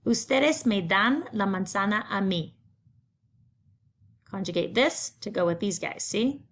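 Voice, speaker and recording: A woman's voice: mid-range voice, animated, unhurried. A middle-aged woman, patiently teaching a recorded Spanish lesson, explaining grammar step by step. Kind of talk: recorded remote class lesson.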